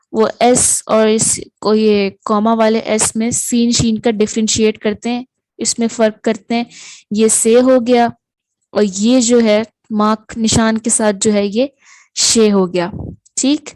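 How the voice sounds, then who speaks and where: A woman with a fairly high voice teaches letters one at a time, patiently repeating every sound. The voice-over is close and dry, with no room sound behind it. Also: flat delivery, darkish tone, no room sound, poor audio. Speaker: language teacher. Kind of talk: alphabet lesson, slow explanation.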